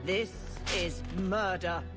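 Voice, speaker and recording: A woman playing a calm, older religious leader who speaks in slow, measured pleas. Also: lowish voice, over music. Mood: grave, pleading.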